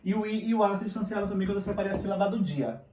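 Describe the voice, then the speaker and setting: Brazilian man, teacher, patient, fairly high voice, distant mic, echoey room. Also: rapid-fire, mellow, soft background music. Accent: Brazilian Portuguese. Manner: patient, repeats and checks in with students. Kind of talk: recorded grammar lesson.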